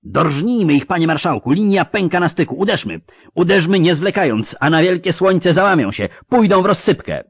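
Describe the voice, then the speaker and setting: A man voicing an eager male officer who shouts fervent calls to attack. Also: a little high, expressive, fairly quick, husky, pitched above the performer's own voice.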